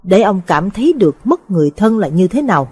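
A woman voicing a vengeful but remorseful young male ghost, speaking flatly and heavily. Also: mid-range voice, fast talker, breathy edge, no echo. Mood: heavy.

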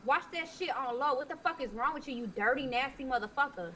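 A woman's voice: sits high, expressive, fast talker, fairly bright tone, slight background noise. A woman playing a nagging, foul-mouthed mother who scolds her teenage son over and over in an improvised game role-play. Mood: disgusted, scolding.

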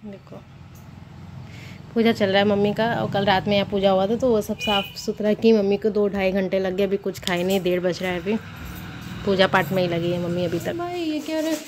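A woman's voice: mid-range voice, little pitch movement, a little fast, background noise. A young woman filming a casual family vlog at home, chatting and teasing her brother, sometimes outdoors on the rooftop. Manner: chatty, teasing, calls out often. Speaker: vlogger.

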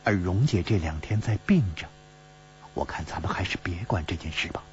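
A man's voice: on the low side, very animated, normal speed, dark tone. A man voicing a teasing young woman. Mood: worried. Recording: slightly dull recording with faint hum.

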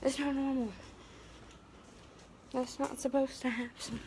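A woman's voice: high voice, level tone, measured pace, darkish tone, a little hiss or hum. An American woman vlogging casually at home with a handheld phone, talking about her dog and scolding it now and then. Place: inside a house. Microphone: handheld phone camera.

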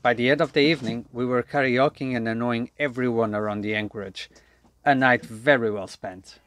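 A man in his thirties narrating a sailing travel vlog in a relaxed, matter-of-fact voice-over. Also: medium pitch, a little fast, no echo. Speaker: sailing vlogger.

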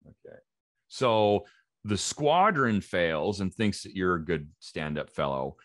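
Low-ish guy running a tabletop game on a video call, slow, dry sound. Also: expressive, dry recording. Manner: unhurried, with fillers. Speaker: game master.

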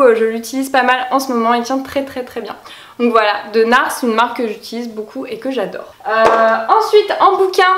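A woman's voice: sits high, echoey room. A young woman vlogger chatting casually about her monthly favorites at home, with lots of fillers and easy laughs. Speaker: lifestyle vlogger. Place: home room with plants.

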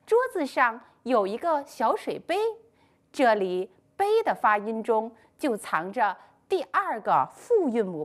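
Slow, bright-toned woman teaching small kids. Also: on the high side. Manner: slow, sing-song, encouraging teacher talk. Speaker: primary school teacher. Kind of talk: scripted online lesson for young children.

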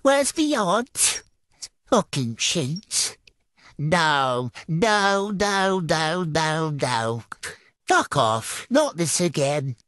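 A man commentates on his own football gaming in an exasperated, foul-mouthed British manner, his voice run through a pitch-changing trickster filter. He's very animated and draws out his words, with a fairly bright tone and no echo.

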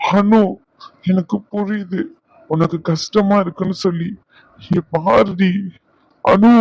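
Guy begging his wife not to cry, bit high voice, muffled lo-fi sound. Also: dry recording. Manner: pleading, comforting, repeats himself. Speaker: husband, vlogger. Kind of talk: emotional couple vlog talk. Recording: dull lo-fi recording.

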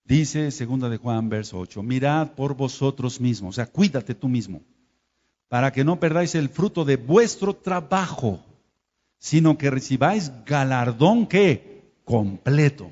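A man with a Mexican Spanish accent preaching a sermon, firing rhetorical questions and swinging between quiet and loud. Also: medium pitch, animated, measured pace. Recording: dull lo-fi sound with long hall reverb.

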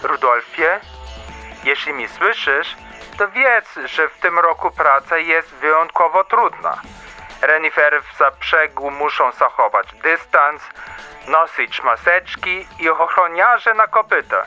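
An actor playing an old Santa Claus, jolly yet stern, in a radio play. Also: male voice, a little high, pushed and bright, exaggerated voice.

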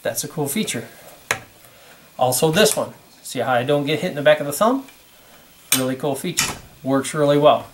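A man giving a casual hands-on demonstration at a workshop bench, explaining how a fixture works in a relaxed, plain-spoken way with plenty of fillers. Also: a little high, moderate pace, pauses often, noisy background. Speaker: product demonstrator. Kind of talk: casual hands-on product demo.

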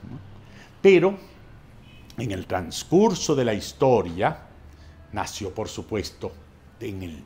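Slow, measured male drama teacher. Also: on the low side, a little mellow, slight background noise. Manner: measured, explanatory, stresses new points with rising emphasis. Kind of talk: master class lecture.

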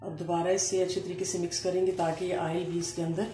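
A woman explaining a home cooking recipe step by step, pausing often as she works in a kitchen. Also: lowish voice. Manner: calm step-by-step explaining with frequent hesitations. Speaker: cooking channel host. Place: home kitchen counter, indoors. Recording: echoey room with faint ambient noise.

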